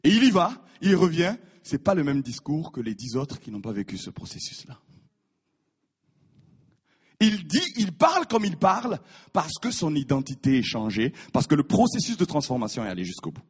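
A man preaching a sermon, animated, repeating his words and acting out the people in his stories. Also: fairly high pitch, normal speed, breathy edge. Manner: animated, repeats words, acts out voices of biblical figures. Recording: reverberant hall.

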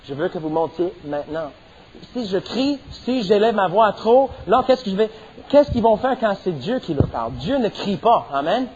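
A man's voice: high-pitched, expressive, normal speed, a little mellow, lo-fi sound, a little hiss or hum. A middle-aged man preaching a sermon as pastor, stressing points and punctuating them with amens. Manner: preaching with rising emphasis and repeated amens.

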